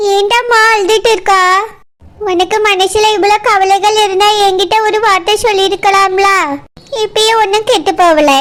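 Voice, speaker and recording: A woman voicing a scheming old grandmother in a cartoon, sweet-talking her daughter-in-law with drawn-out endearments, in a Kanyakumari Tamil accent. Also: very high-pitched, a bit bright. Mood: coaxing.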